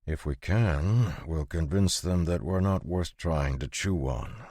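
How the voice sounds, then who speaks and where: A calm, unflappable swordsman talks in a very low, dark voice, short and steady, as a male audiobook narrator voices him. The reading is dry and close, with no room around it. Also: takes it slowly, dry recording.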